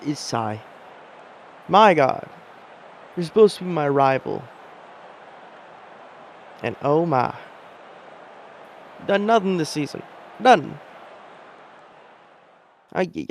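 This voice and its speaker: A man's voice: a little high, gravelly, darkish tone, a little hiss or hum. A young man giving casual, rambling commentary on a simulated soccer match, with chatty self-deprecating asides.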